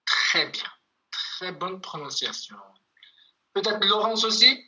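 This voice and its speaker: Online language teacher, unhurried, piercingly bright timbre, patient repetition. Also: mid-range voice, animated, poor audio. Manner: patient, repeats words slowly for students. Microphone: video call.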